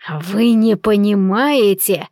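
A woman's voice: medium pitch, moderate pace, dry recording, studio quality, close to an everyday voice. A woman voicing a cold, displeased male healer in an audiobook, hissing his words.

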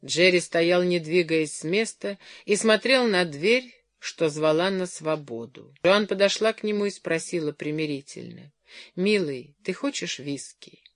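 An audiobook narrator reading a story in an even storytelling manner. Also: medium pitch, moderate pace, few pauses, no echo, studio quality.

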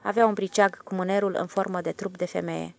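Femeie care citește o carte audio. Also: female voice, fairly low pitch, steady tone, gravelly, no room sound. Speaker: audiobook narrator. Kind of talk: scripted literary narration.

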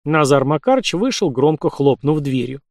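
A man narrating an audiobook in a lively, playful storytelling manner. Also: on the high side, moderate pace, no room sound, clean studio sound.

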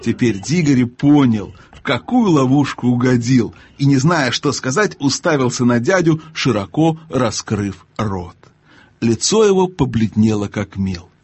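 A man reading an audiobook in a measured storytelling manner. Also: medium pitch, lively intonation, darkish tone, breathy edge. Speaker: audiobook narrator. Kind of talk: scripted narration.

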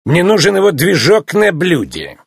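A stern old male judge car hands down threats in a storybook reading, voiced by a man. He sounds gruff and commanding, with a husky grain. The recording is close and dry. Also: sits high, wildly swooping pitch, moderate pace, no room sound, pitched above the performer's own voice, exaggerated voice.

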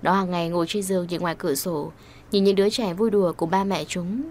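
A woman reading a melodramatic story aloud as an audiobook narrator, with steady, even delivery. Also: lowish voice, fast, a little hiss or hum.

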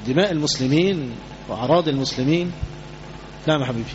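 A man's voice: a little high, fast talker, dull audio, slight background noise. A man with an Egyptian Arabic accent giving a colloquial religious lesson, often quizzing his listeners with questions for them to complete. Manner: quizzes audience with fill-in questions. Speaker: Islamic teacher.

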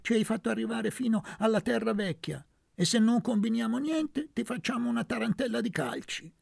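A man voicing a crude, mocking young man who teases his friends loudly. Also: very high voice, lively intonation, brisk, creaky, breathy edge, no room sound, studio quality, voice pushed up, exaggerated voice. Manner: sneering, boisterous.

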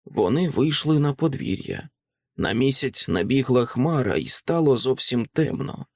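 A man narrating an audiobook in a dramatic, expressive reading style on a close microphone. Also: medium pitch, a little slow, creaky, no echo. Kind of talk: scripted literary narration.

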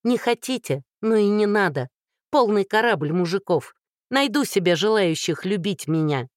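A reader voicing a furious young woman who shouts and taunts in an audiobook. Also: medium pitch, expressive, normal speed, dry recording, studio quality, pitched above the performer's own voice, lightly acted.

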